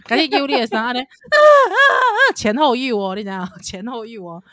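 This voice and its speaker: A woman in her thirties with a Taiwanese Mandarin accent, co-hosting a casual chat and telling lively stories about being a mother. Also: fairly high pitch, fast, very noisy. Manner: animated storyteller, laughs a lot, acts out a crying child. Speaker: podcast co-host, mother.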